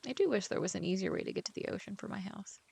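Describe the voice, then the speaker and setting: A woman's voice: medium pitch, very fast, creaky, darkish tone, breathy edge. A woman chatting casually while she plays a game, rambling from thought to thought with lots of "like" fillers and sometimes dropping almost to a whisper. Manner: rambling, chatty, heavy use of "like". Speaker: author playing a farming game. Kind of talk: casual gameplay chat.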